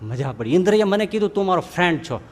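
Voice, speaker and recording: A man's high, bright voice rings out across a large hall with a long reverb tail. He is a monk preaching, a lively storyteller who slips into the voices of his characters. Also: quick pace, slight background noise. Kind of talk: devotional sermon with storytelling.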